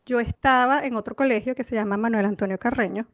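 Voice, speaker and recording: Higher-pitched Venezuelan woman chatting. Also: fast. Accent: Venezuelan Spanish. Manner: relaxed, reflective, laughs easily. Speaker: podcast co-host. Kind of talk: casual chat.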